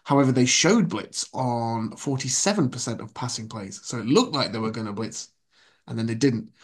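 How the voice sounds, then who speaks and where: A man's voice: mid-range voice, moderate pace, breathy edge. A man hosting a casual sports podcast, laid-back and dry, often chuckling. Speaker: podcast host.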